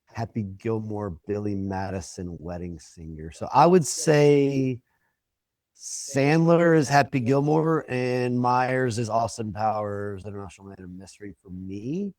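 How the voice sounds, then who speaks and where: A man's voice: on the low side, a little slow, a little mellow, no room sound. A young man co-hosting a podcast, giving firm opinions in casual chat. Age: young adult. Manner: opinionated, listing picks. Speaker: podcast co-host.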